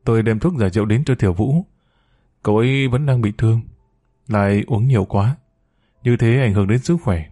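A man voicing a polite, courteous young man in a storybook reading, speaking briskly. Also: lowish voice, mellow, close to an everyday voice. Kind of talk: storybook role voice.

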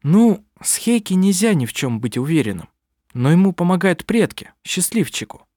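A man reading aloud, voicing a proud, sharp-tongued middle-aged witch who is a mother, with dry, cutting remarks. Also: on the high side, very animated, normal speed, no room sound, pitched above the performer's own voice. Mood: wry.

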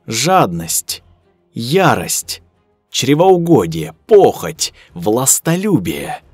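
A man's voice: mid-range voice, darkish tone, slightly rough, no room sound, pitched above the performer's own voice, heavily acted. A man voicing a cruel, bored ancient female duchess monster with a drawling, sneering manner.

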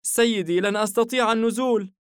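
A man's voice: sits high, quick pace, clear, resonant tone, no echo, studio quality, pitched above the performer's own voice, lightly acted. Luna, a shy girl shop helper, as a man puts her on. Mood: anxious. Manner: polite, timid, anxious. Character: small shy polite young woman shop helper.

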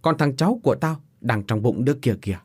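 A gruff old father's ghost speaks slowly and harshly in a dream, scolding his grown son with old sayings. A man puts him on while narrating a ghost story, with a husky voice that dips and climbs a lot. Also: medium pitch, lively intonation, a little mellow. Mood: stern scolding. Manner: harsh, scolding, slow proverbs.

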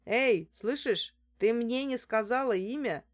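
A woman reading an audiobook, voicing an excitable, pushy male street hustler who shouts and haggles. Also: mid-range voice, measured pace, close to an everyday voice. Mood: shouting.

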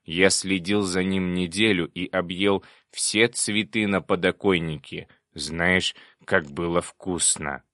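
A man voicing a cheerful, chatty little male demon who talks briskly. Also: low-pitched, steady tone, fairly bright tone, dry recording, clean studio sound. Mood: teasing.

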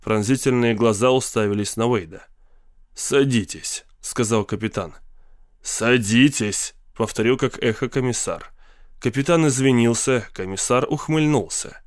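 A man narrating a story in a measured reading voice, performing all the characters himself. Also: mid-range voice, smooth, no room sound, clean studio sound.

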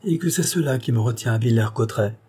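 A man's voice: mid-range voice, animated, fast, dark tone, breathy edge. A man voicing a simple-hearted young village man, plaintive, earnest and tearful. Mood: grieving.

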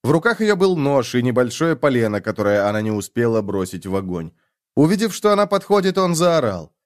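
A man's voice: medium pitch, big pitch swings, a little fast, no room sound, clean studio sound. Man reading a story aloud. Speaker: narrator. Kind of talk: audiobook reading.

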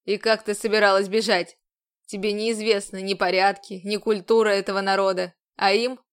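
A stern, domineering commander in an audiobook, scolding and harsh in every word, as a woman narrator voices him. His voice sits lower and rougher than the reader's own, with loud, forceful delivery. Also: level tone, moderate pace, close to an everyday voice. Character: stern scornful male commander, adult, domineering.

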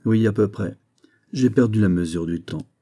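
Man, low voice, very dark and mellow tone, measured audiobook narration. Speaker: audiobook reader.

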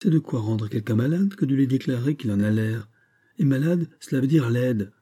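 A man's voice: mid-range voice, lively intonation, normal speed, mellow, slightly rough, pitched above the performer's own voice. A man voicing a proud, restless young society woman who speaks with impatient, imperious vehemence in an audiobook reading. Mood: anxious vanity.

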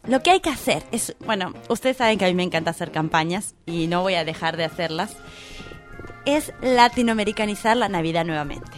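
A woman's voice: fairly low pitch, animated, fairly quick, faint music behind. A woman co-hosting a radio show, delivering a comedic column in a playful, impassioned campaigning tone. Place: radio studio.

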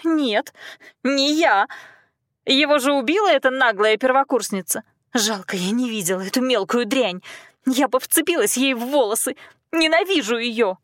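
A woman's voice: normal speed, a bit bright, no room sound, clean studio sound. A woman voicing a frightened captive young woman who whines and sobs yet talks back defiantly. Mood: tearful. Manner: shrill, whining and sobbing.

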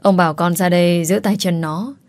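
A woman's voice: lowish voice, steady tone, brisk, close to an everyday voice. Woman doing a whimpering male servant. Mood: pleading. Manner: pleading, whimpering. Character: frightened whining male servant.

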